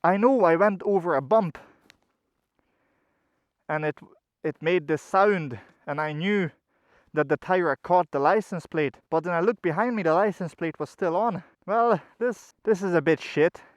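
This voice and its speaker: Higher-voiced man talking inside a helmet. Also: a little slow, no echo, muffled recording. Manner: swears often. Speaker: motovlogger. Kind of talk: casual motovlog talk to viewers. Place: outdoors on a motorbike and at the roadside.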